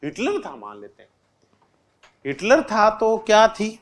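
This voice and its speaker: A man's voice: high-pitched, huge pitch swings, measured pace, fairly bright tone. A man teaching an exam-prep lecture, constantly asking the class questions and answering them himself, repeating key terms with simple examples. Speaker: political science teacher.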